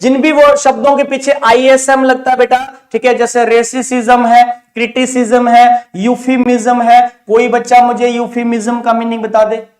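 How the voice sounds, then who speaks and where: High-voiced Indian English teacher. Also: male voice, flat delivery, a little mellow. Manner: slows down sharply for English example sentences. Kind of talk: online exam-prep class.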